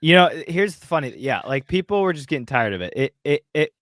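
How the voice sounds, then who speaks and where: A man hosting a podcast, talking with a sarcastic edge and plenty of laughs. His pitch swings in a lively way as he reads and mocks an article. The sound is dry and close. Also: brisk, dry recording. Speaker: podcast host. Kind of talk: casual chat, reading articles aloud.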